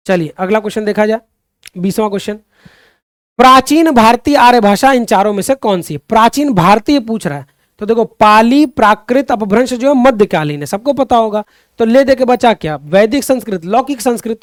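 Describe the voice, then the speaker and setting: A young man with a strikingly high voice runs an online Hindi grammar class. He keeps coaxing his students for answers, repeating each question and calling them friends. The sound is close and dry, with almost no room around it. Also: lively intonation, a little fast, no room sound. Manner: digresses into impassioned social commentary. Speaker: Hindi teacher. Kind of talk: online exam-prep class.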